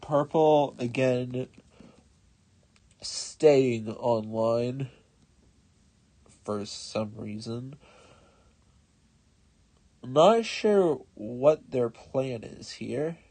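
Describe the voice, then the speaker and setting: A man's voice: medium pitch, expressive, extremely slow, long pauses, warm tone, rough recording. A man giving playful, mock-dramatic commentary over his own strategy game as a streamer. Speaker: gaming streamer. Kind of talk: gameplay commentary.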